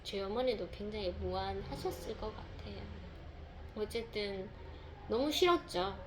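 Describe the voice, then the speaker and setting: A woman's voice: mid-range voice, moderate pace, noisy background. Woman rambling through a faith testimony. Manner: rambling, full of fillers and repeated words. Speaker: mother giving a faith testimony. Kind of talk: personal testimony storytelling.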